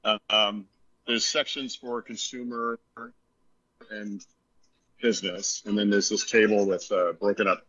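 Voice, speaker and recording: Joking male co-host, out of breath, husky and bright, on a lo-fi call line. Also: lowish voice, flat delivery, unhurried, pauses often, no room sound. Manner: rambling, joking, laughs often. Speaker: co-host giving a venue tour. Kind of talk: casual chat. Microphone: phone on a spotty connection. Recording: dull lo-fi call audio.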